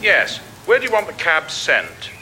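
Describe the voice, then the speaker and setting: An actor playing a dry, unflappable pilot in a radio sitcom. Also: male voice, on the high side, huge pitch swings, heavy background noise. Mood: wry. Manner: dry, wry and unhurried.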